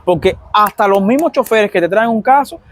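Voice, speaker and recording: A man's voice: sits high, lively intonation, normal speed. A man with a Cuban accent, a doctor from Cuba, telling stories in a casual vlog and acting out his patients' complaints.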